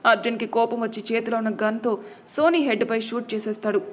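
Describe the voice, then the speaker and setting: A woman's voice: fairly high pitch, steady tone, fast talker, slight background noise. A woman storyteller narrating a dramatic family tale.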